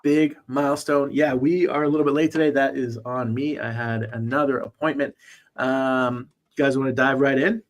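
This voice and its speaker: A man hosts a casual betting chat. His pitch sits in the middle range and his delivery is upbeat. He reads through stats with plenty of ums and uhs. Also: steady tone, moderate pace. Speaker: stream host.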